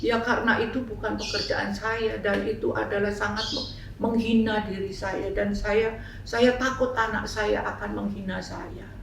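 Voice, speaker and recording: A woman's voice: mid-range voice, level tone, normal speed, vocal fry, far from the mic, a little hiss or hum, natural voice. An older woman voicing a troubled young woman who earnestly pleads her case, in a roomy room with the mic some way off. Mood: earnest pleading.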